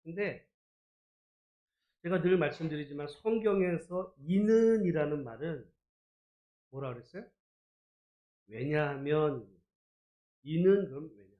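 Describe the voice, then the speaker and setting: A male pastor preaching a sermon in a conversational way, firing rhetorical questions and swinging between soft asides and loud emphasis. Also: fairly high pitch, unhurried, pauses often, muffled recording. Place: church sanctuary. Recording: echoey church hall.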